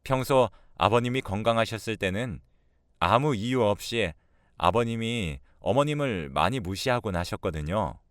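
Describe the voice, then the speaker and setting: Low-voiced, expressive male story narrator. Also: normal speed, dry recording, studio quality. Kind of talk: scripted radio drama narration.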